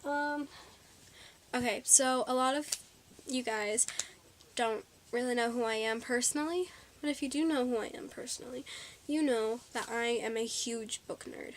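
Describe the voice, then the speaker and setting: A woman's voice: on the high side, normal speed, slight background noise. A teenage girl chatting in a casual haul vlog, bubbly and a little out of breath, with lots of ums and likes. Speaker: vlogger.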